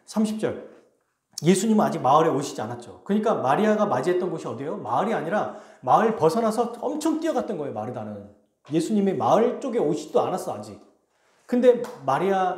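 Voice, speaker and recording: A man's voice: high voice, darkish tone. A male pastor preaching a sermon, talking directly to his congregation and acting out the lines of biblical characters. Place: church sanctuary. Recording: echoey church sanctuary.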